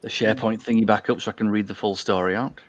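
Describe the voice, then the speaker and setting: Co-hosting a laid-back podcast, a man with a lowish, fairly flat voice reads a story aloud at a quick clip, tossing in wry asides while giggling and tripping over words. The call audio is dull, dry, and lo-fi.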